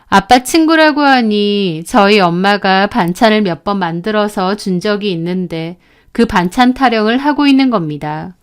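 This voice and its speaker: Smooth-voiced woman narrating a story. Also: medium pitch. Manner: confiding storyteller, plain and steady. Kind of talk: scripted first-person story narration.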